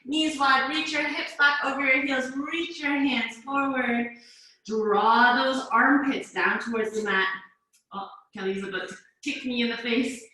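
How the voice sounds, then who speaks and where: A woman's voice: high-pitched, bright, forceful tone. A Canadian woman leading a mom and baby workout class over a video call, giving chatty, encouraging cues. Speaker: fitness instructor. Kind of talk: live virtual workout class cueing. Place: home workout space. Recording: very echoey room.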